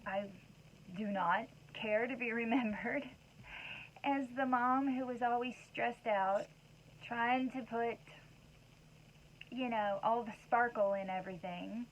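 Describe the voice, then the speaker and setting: A wellness talk host, a woman and mother, delivers a casual, rambling motivational talk full of conversational asides. Her slightly high voice holds a steady tone, and she takes it slowly with long pauses. The lo-fi recording sounds dull, with faint background noise.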